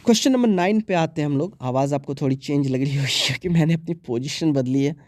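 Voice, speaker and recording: A young man with an Indian English accent walks students through exam questions, mixing English terms into his Hindi. His voice is mellow and his recording sounds dry and close. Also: a little high, fast, no room sound. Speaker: English teacher. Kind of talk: exam prep lesson.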